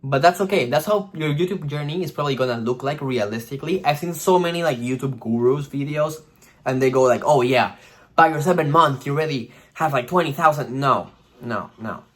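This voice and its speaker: Fairly high-pitched and a little fast, a young vlogger hands out casual, animated advice on starting a vlog channel. He swears freely and brings the algorithm to life in silly voices.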